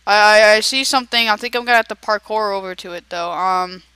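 An excitable teenage boy narrates his game aloud in a chatty, rambling way. His voice is bright and smooth, and the recording is dry and close. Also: high voice, fast talker, no echo, poor audio. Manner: excitable, chatty, talks to himself while playing. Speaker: gaming video creator. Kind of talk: casual gameplay commentary.

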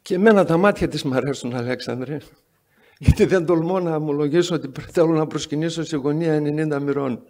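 A man's voice: a little high, a little mellow. A man chairing a medical conference session, giving an introduction full of sarcastic, wry anecdotes. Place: conference hall.

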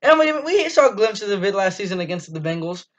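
A teen boy hosting a fan channel speaks in a high, sing-song voice at a fairly quick clip. Sitting in a small dim room, he gives an enthusiastic, casual postgame review monologue with lots of ums and restarts. The audio is dull, lo-fi webcam sound.

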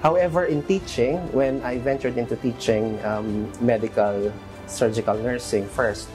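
A man's voice: medium pitch, steady tone, normal speed. A man in his thirties with a Filipino accent, an interview guest who mixes English and Filipino, speaking earnestly with frequent restarts. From Philippines. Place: bright studio room, seated on a sofa. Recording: music bed under the voice.

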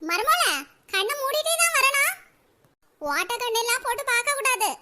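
A woman voicing an older village mother-in-law in a comedy cartoon, with a Kanyakumari Tamil accent and a shrill, squeaky voice. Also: sing-song, normal speed, background noise. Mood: coaxing. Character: scheming old mother-in-law turned loving, village woman.

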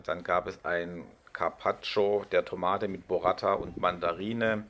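A middle-aged man with a very low voice narrates a casual food vlog, chatty and enthusiastic. He films on a phone at arm's length. Clear street noise runs behind him. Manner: chatty, enthusiastic, describes dishes. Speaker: food vlogger. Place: outdoors on a street and at a restaurant. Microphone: phone camera held at arm's length. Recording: noisy outdoor street.

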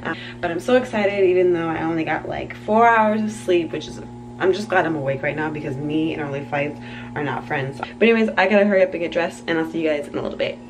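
A woman's voice: deep voice, fast talker, noisy background. A young woman vlogging casually, bubbly and rambling with lots of fillers, talking to a handheld camera. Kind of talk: casual vlog chat. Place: hotel room and travel.

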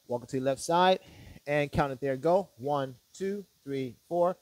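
A man working as a fitness instructor, guiding stretches with short, measured step-by-step directions and counts. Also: fairly high pitch, darkish tone, no echo.

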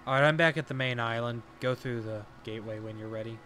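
A man's voice: mid-range voice, fast talker, fairly bright tone. A young man with a mid-range voice chats through his gameplay as he plays, explaining every step aloud to his audience. The recording was made on a home desk mic and carries a faint background hiss. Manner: chatty, talks through each step aloud. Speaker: let's play host. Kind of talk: casual gameplay commentary.

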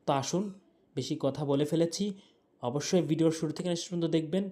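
A man teaching Quran recitation, who patiently explains each sound and repeats syllables slowly. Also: a little high, dark tone. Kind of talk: instructional talk on pronunciation.

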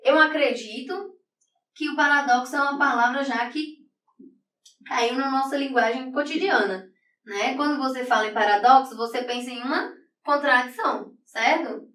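A woman's voice: high voice, normal speed, a bit bright. A woman teacher explaining figures of speech in an online exam-prep lesson, often checking in with the class by asking "right?". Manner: explanatory, tag questions "né?" constantly. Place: room, writing on a board. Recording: echoey room, distant mic.

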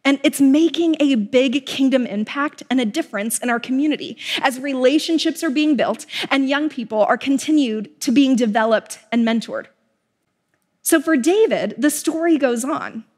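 A woman in her thirties preaching an earnest, expressive sermon with emphatic repetitions, filmed in a bright studio. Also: sits high, normal speed, long reverb tail. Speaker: pastor. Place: bright studio with a large projected slide.

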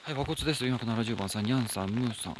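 A man live-streaming outdoors at night in the rain, chatting casually, thanking and answering viewer comments, and breaking into soft high squeals. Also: very fast, background noise.

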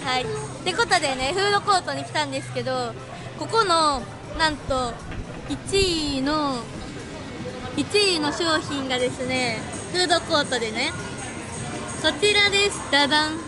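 A young woman chatting casually to camera as a vlog host, giggly, animated and exclamatory. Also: sits high, normal speed. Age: young adult. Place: large indoor amusement arcade. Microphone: handheld camera at arm's length. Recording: music and crowd noise behind.

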